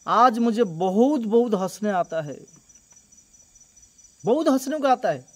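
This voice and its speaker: A man's voice: high-pitched, lively intonation, slow, heavily acted. A man voicing an indignant, wronged young queen in a devotional storytelling, firing accusing rhetorical questions and repeating his words for emphasis. He barely changes his own voice for her.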